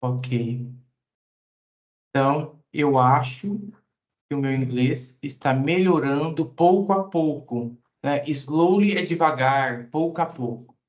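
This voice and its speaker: A man's voice: fairly high pitch, takes it slowly, lo-fi sound. A man teaching English in an online class, patiently explaining grammar at length and asking students questions.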